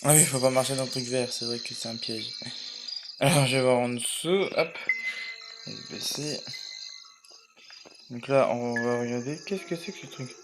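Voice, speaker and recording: A man's voice: medium pitch, fairly quick. Young French gamer man talking over music. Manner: mumbles while eating; chatty, swears casually. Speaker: gamer playing a horror game. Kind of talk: casual let's play commentary.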